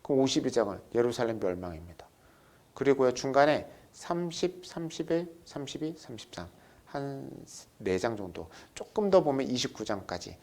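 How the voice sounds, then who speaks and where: A man's voice: mid-range voice, normal speed. A middle-aged man teaching a recorded Bible study lecture, asking his listeners questions and reading scripture aloud. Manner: lively teaching, asks the class questions, reads scripture aloud.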